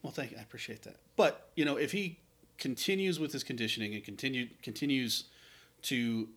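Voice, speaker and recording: A man with a mid-range voice co-hosts a relaxed golf podcast. He teases his partner, laughs a lot and makes bold calls with easy confidence. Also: medium pitch, fairly quick. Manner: laughs often, teasing, bold predictions. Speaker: podcast co-host. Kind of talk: casual sports chat.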